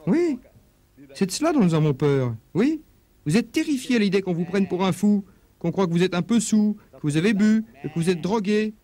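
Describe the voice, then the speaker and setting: This dubbed religious lecture features a man preaching with emphasis and rhetorical questions, his pitch rising and falling. He sounds mellow, with lively intonation and a brisk pace.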